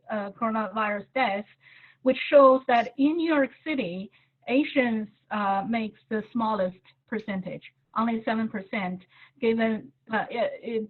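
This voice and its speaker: A woman reporter asking a question at a press briefing over a video call, halting and searching for words. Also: medium pitch. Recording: tinny phone-like video call line.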